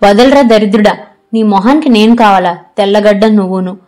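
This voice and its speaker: A proud, defiant young woman, as the narrator reads her in an audiobook. She scolds sharply, at a medium pitch. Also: fairly even intonation, brisk, darkish tone, natural voice. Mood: furious.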